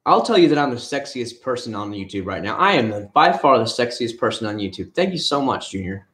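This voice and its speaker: A man from Florida hosts a casual livestream, wandering from topic to topic and retelling what he told people. His voice sits at an ordinary pitch. The sound has a noticeable room echo. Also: sing-song, a little fast, a bit bright. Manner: rambling, chatty, retells conversations. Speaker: livestream host. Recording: echoey room.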